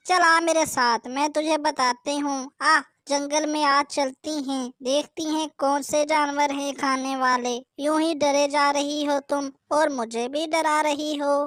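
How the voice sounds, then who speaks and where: A woman doing shrill young village girls. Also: fairly even intonation, measured pace, hardly any pauses, fairly bright tone, no room sound, studio quality. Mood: teasing. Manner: exclaims often, shrill.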